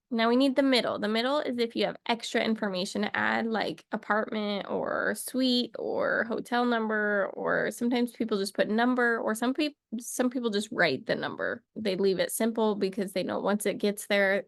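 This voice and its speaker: A woman's voice: mid-range voice, moderate pace, creaky, hardly any pauses, no echo, studio quality. A young woman teaching a casual English lesson to camera, chatty and playful, wandering off into little asides.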